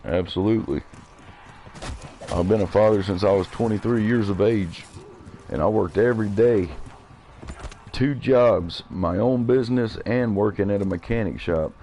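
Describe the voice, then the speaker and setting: A man's voice: lowish voice, moderate pace, long pauses, dark tone, a little hiss or hum. A man in his thirties talking on a live game stream, blunt, profane and emotional as he vents.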